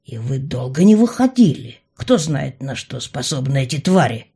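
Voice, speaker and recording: A woman's voice: very deep voice, very animated, normal speed, warm tone, husky, full character voice. A woman voicing a sly, mocking young male mage who drawls and teases. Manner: drawling, teasing.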